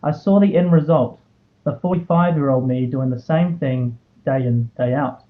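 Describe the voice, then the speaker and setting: Addressing a live audience, a twenty-something Australian man who has won a student award delivers an earnest, prepared motivational speech built around a personal story and rhetorical questions. He speaks at medium pitch and a moderate pace, and the sound is phone quality.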